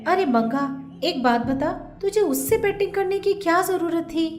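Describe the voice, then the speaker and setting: A woman's voice: very high voice, lively intonation, normal speed, a little mellow, faint music behind, voice pushed up. A woman voicing a teasing young village friend who keeps needling with questions. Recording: roomy echo.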